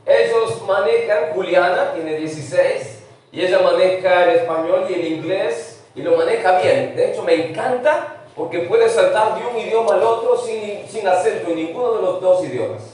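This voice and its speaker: A man's voice: sits high, moderate pace, a little mellow, far from the mic. A middle-aged man preaching a sermon as pastor, slipping English words into his Spanish. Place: church sanctuary. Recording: very echoey church from afar.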